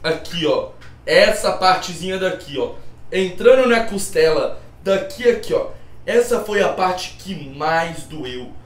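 A young man with a Brazilian accent, reacting to a video in casual commentary and telling stories in an animated, slangy way with plenty of swearing. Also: high voice, a little slow. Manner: animated, slangy storyteller who swears freely. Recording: roomy echo, faint background noise.

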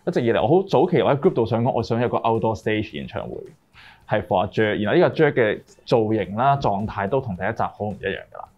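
Speaking through a face mask in a small indoor room, this Hong Kong-accented man explains his job as a music video director during a group interview, mixing in English words. He talks fast in a sing-song, lowish voice, and the sound is lo-fi.

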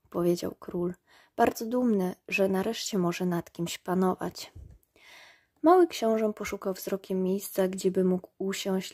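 A woman narrating a storybook aloud in a calm, measured way. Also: mid-range voice, slightly rough. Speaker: reader. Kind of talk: audiobook narration.

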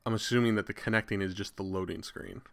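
A man's voice: on the low side, fairly even intonation, fast talker, a bit bright. A man giving casual, irreverent commentary while playing a video game, chatty and swearing freely. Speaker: gaming channel host.

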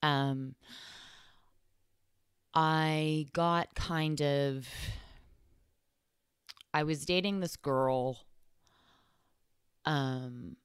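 A woman's voice: low-pitched, drawn-out words, long pauses, smooth, no echo, clean studio sound. A young woman from Texas hosting a podcast, talking on her own in a rambling way, full of fillers and self-corrections. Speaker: podcast host. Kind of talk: casual solo podcast monologue.

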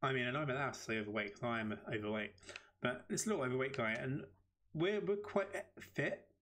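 A British man giving chatty, excitable live commentary as he streams a game at his desk microphone. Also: medium pitch, a little fast. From United Kingdom.

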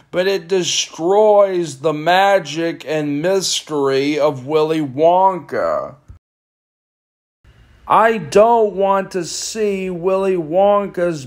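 A young man reviewing a film in a casual, blunt, complaining way. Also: on the high side.

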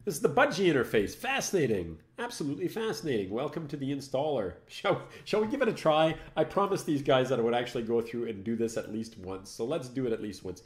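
A man's voice: mid-range voice, lively intonation, fast talker, few pauses. A middle-aged French Canadian man hosting a casual live tech show, chatty and self-mocking, laughing often as he works. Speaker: host. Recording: roomy, echoey room sound.

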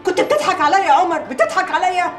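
A fast-talking, fussy older mother. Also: very high-pitched, sing-song, faint music behind. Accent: Egyptian. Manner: scolding, exasperated, repeating herself. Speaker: mother-in-law.

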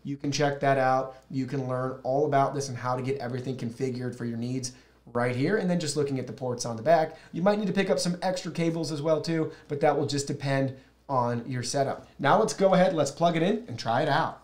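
Speaking fairly quickly in a mid-range voice, a man in his thirties reviews a product and demonstrates its software in a relaxed, upbeat manner aimed directly at viewers. He is in a small indoor studio, captured by a shotgun studio mic routed through an audio mixer.

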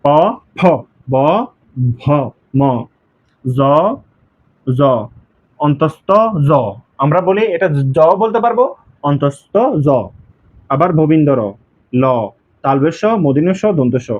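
A man's voice: a little high, expressive. Male teacher, patient repetitive drill delivery, muffled lo-fi audio. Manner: repeats sounds slowly with drawn-out drills. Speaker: pronunciation teacher. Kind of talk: classroom lesson at a whiteboard.

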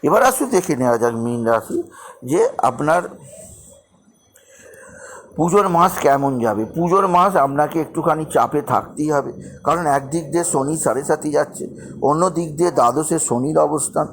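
A man's voice: fairly high pitch, lively intonation, normal speed. A middle-aged man gives a monthly horoscope talk as an astrologer, often repeating words and restarting as he goes. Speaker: astrologer hosting a horoscope channel.

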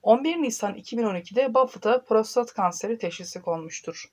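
Woman reading a biography, halting fillers. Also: fairly high pitch, animated, darkish tone. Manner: reads steadily with filler pauses. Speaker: channel host.

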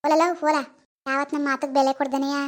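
A woman's voice: high voice, little pitch movement, natural voice. A woman voicing an angry middle-aged village mother who scolds her son with insults in a cartoon. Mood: furious scolding. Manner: scolding, insulting, rapid-fire rebukes. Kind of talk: cartoon voice acting.

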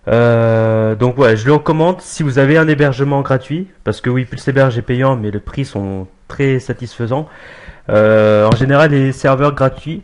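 Casual French-speaking man explaining software. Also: medium pitch. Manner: casual, hesitant, many fillers and restarts. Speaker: tutorial maker. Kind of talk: screen-recorded software tutorial.

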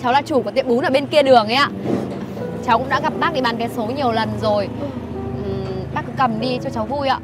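A kind young noodle shop owner, played by a woman, soft-spoken and polite, with a high voice. Clear music runs behind her. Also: quick pace, lightly acted. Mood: gentle. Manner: polite, gentle and reassuring. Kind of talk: web drama acting. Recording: background music.

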